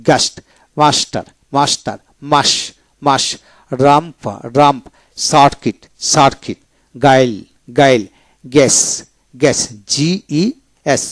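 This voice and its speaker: A man teaching English pronunciation in a video lecture, saying each word twice, slow and deliberate. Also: medium pitch, no room sound.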